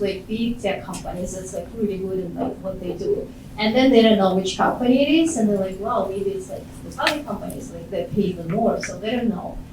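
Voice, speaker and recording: A woman from Ukraine with a fairly high voice talks casually to a room of students, filling her sentences with "like" and urging them on. She is heard from some distance off the mic, in a very echoey room with a faint hiss behind her. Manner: chatty, frequent "like" fillers, encouraging. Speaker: data scientist giving career advice.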